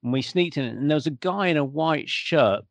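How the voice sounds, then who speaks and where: A man's voice: on the high side, normal speed, creaky, dry recording. A British man from the UK, telling a personal anecdote in casual conversation and acting out the quoted dialogue. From United Kingdom. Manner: animated anecdote teller who acts out quoted dialogue.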